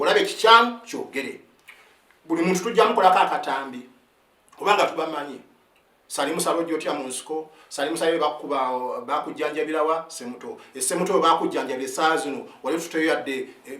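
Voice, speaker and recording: A man in his fifties, an army sergeant and a native Luganda speaker, talks fast and high as he pours out his account, mixing in English phrases and tossing "eh?" at his listeners. His words stumble into restarts. The recording is roomy, and he sits a good distance from the microphone. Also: a bit bright. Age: 50s. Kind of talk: impassioned spoken account. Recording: roomy sound, set back from the mic.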